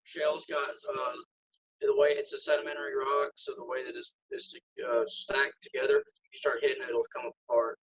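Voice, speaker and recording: A flintknapping instructor walks through the craft step by step on a video call, showing each move with his hands as he explains. His mid-range voice keeps a fairly even intonation at a moderate pace, with crowd noise behind him. The phone mic gives lo-fi audio.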